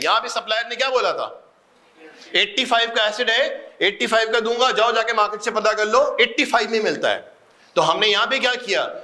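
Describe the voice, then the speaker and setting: A man's voice: high-pitched, pushed and bright. Male lecturer, emphatic, repetitive, prompts students to answer, echoey room. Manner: repeats points emphatically, drills students to answer aloud. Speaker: accounting lecturer. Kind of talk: classroom lecture.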